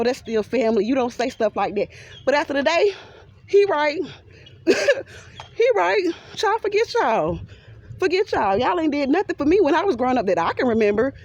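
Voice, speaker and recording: A woman's voice: on the high side, darkish tone, no echo, dull audio. A woman with a Southern US accent, venting animatedly to her followers in a walking vlog, laughing often and talking straight to the viewers. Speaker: vlogger. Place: outdoors walking by a pond.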